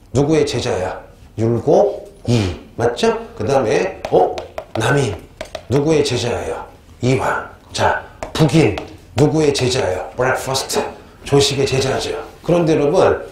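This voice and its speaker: Animated man quizzing students in a lecture. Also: mid-range voice. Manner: animated, quizzing students with call-and-response questions. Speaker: history teacher. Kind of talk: lively classroom lecture. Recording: echoey room, faint noise.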